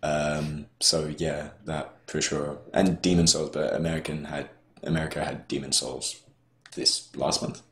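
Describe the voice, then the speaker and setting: Deep-voiced man with roomy echo. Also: level tone, a little slow. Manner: rambling, hesitant, with many restarts. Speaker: podcast co-host. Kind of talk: casual podcast chat.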